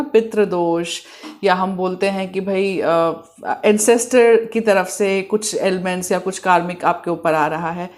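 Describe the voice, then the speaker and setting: Woman with an Indian accent, spiritual healer, average pitch, calm teaching tone, slow hushed delivery on repeated phrases. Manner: mixes Hindi and English, slows to a soft hush for the repeated prayer phrases. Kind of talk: spiritual guidance talk.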